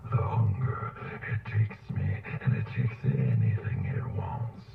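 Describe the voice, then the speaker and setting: Killer Croc, deep gravelly crocodile-man villain. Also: expressive, exaggerated voice. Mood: menacing, hungry. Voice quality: very gravelly, breathy growl. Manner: slow, drawling, folksy menace. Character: menacing, hungry cannibal crocodile-man villain, sardonic. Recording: muffled lo-fi horror tape with hum.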